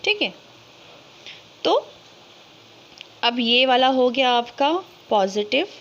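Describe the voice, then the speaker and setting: A high-pitched woman explains grammar to her students, posing questions and answering them herself. She slows right down to draw out each example word. The recording sounds dull and lo-fi. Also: lively intonation, fairly bright tone. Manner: slow, drawn-out reading of example words. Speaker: English grammar teacher. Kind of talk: explanatory lesson in Hindi with English terms.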